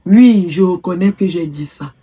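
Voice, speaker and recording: A woman's voice: lowish voice, normal speed, mellow, breathy edge. An actress playing a pastor who apologetically explains what she told her congregation. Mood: apologetic. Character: pastor answering a church member.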